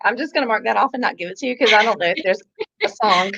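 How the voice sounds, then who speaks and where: A woman chatting casually, quick to laugh and joke at her own expense. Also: medium pitch, gravelly, a bit bright, muffled recording. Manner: chatty, laughing, self-deprecating. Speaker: co-host. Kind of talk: casual chat.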